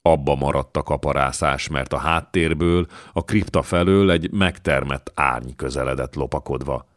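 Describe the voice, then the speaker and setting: Male audiobook narrator; extremely deep, measured, dry close sound. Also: no room sound. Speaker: audiobook reader. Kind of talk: scripted narration of a historical novel.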